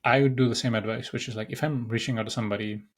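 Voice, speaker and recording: A man's voice: mid-range voice, steady tone, rapid-fire. A young man from Nepal hosting a solo podcast, talking casually and rambling with many fillers and restarts. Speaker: podcast host.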